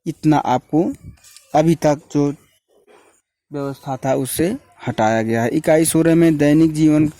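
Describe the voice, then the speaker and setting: A man, a chemistry teacher, reading out a syllabus. He works through a steady list of chemical terms and now and then corrects himself mid-word. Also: fairly high pitch, measured pace.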